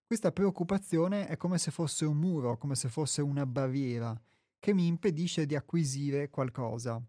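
An Italian man speaks in a calm, explanatory way, often circling back and restarting his phrases as he reads and comments. His voice is mellow and somewhat dark, recorded close and dry with no room sound. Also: mid-range voice, no echo. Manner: measured, explanatory, with frequent restarts and fillers. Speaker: host reading and commenting a spiritual text. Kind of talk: reflective radio talk with reading.

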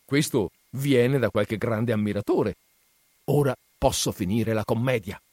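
A man's voice: mid-range voice, unhurried, a little mellow, no room sound, studio quality, close to an everyday voice. A man voicing a young, poor male student in a storybook reading, speaking gladly. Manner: glad, exclaiming.

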